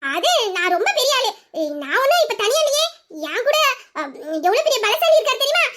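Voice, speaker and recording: A mischievous young wife in an audio drama, played by a woman, chatty and boastful. Her voice sits very high, and she rattles along quickly. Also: very animated, very noisy. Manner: chatty and boastful, dropping to a hushed scheming tone. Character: playful, mischievous young wife named Ruby. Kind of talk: Tamil audio drama acting.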